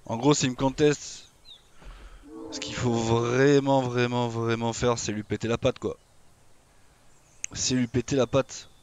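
A man giving live gameplay commentary on a survival game, excitable and taunting his opponents in casual slang. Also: mid-range voice, measured pace, long pauses. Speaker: gamer playing a dinosaur survival game.

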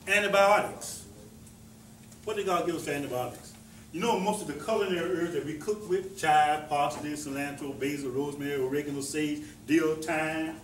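A presenter teaching about herbs, a man with a fairly high, fairly bright voice, gives a folksy, rambling, informal talk to a small audience, repeating himself and asking the people in front of him questions. Sitting back from the microphone, he sounds distant in an echoey room, with a faint hum of room noise underneath.

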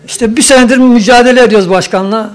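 A man with a high, light voice addresses a council from the lectern, his words carried by a podium microphone. He moves between formal, ceremonious greetings and teasing, joking remarks to the people in the room. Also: quick pace. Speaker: commission representative reading a report to a council. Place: meeting hall of a professional chamber council.

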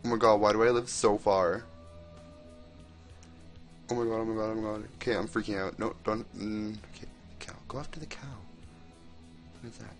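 Young male gameplay commentator, excitable and chatty, lowish pitch, faint background music. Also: normal speed, pauses often. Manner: excitable, keeps exclaiming and talking to the game characters.

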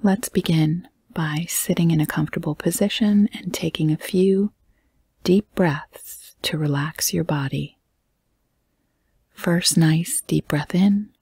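This guided meditation is led by a woman whose voice is so breathy it nearly becomes a whisper. Her tone sits low, and her phrases come short, slow and soft, separated by calm pauses. The audio is close and dry, with no room sound at all.

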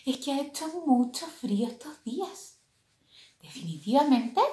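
A woman reading a picture book aloud to children in a gentle, expressive manner. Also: medium pitch. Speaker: storyteller for children. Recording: roomy echo.

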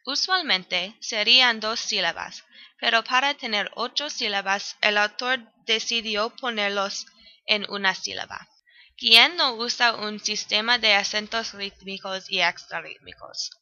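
A woman's voice: medium pitch, a little slow, pushed and bright, dry recording. A woman student reading a prepared poem analysis aloud, evenly, with some grammar slips. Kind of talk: read-aloud school presentation. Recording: dull, dry lo-fi recording.

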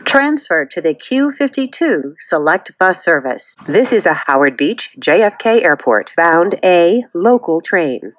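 A woman's announcement voice comes over a train loudspeaker, slightly low and measured, with a lilting rise and fall. Every word is spaced out and clearly enunciated. The sound is dull and close, with no room echo. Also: very animated. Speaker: transit announcer.

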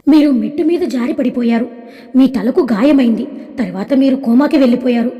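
Woman reading as a calm male doctor, matter-of-fact, storybook, long reverb. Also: extremely high pitch, a little fast, highs cut off, soft background music.

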